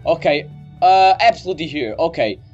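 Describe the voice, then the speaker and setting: A young man commentates a game in a high, very animated voice. He is excitable and easily startled, swearing freely as he plays. Faint game music runs behind him. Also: a little fast, dull audio. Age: young adult. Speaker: gaming video creator. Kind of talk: let's play game commentary.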